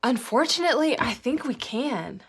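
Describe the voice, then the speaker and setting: A woman with a high voice leads a scripted children's church lesson. She talks to the kids in an upbeat, clear way, keeping every line simple and direct. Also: lively intonation, moderate pace.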